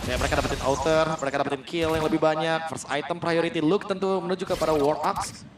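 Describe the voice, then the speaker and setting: A man's voice: on the high side, fairly even intonation, fast talker, reverberant, background noise. A man with an Indonesian accent commentating on a game match as an esports caster.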